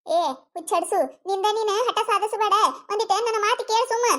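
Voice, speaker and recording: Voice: extremely high pitch, a little fast, a bit bright. A performer voicing a deaf, grumbling old village mother-in-law in a cartoon, scolding with a North Karnataka Kannada accent. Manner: scolding, nagging.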